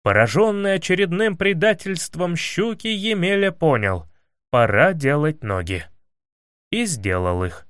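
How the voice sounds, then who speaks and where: A man narrating a comic fairy tale in a wry, expressive way. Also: on the high side, a little slow, clear, resonant tone, no echo, studio quality.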